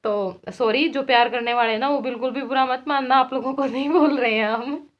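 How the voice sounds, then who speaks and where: Brief: bright-pitched woman vlogger, chatty and laughing, muffled lo-fi home recording. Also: steady tone, fairly quick. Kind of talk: casual chat to viewers. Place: village home. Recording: dull lo-fi sound.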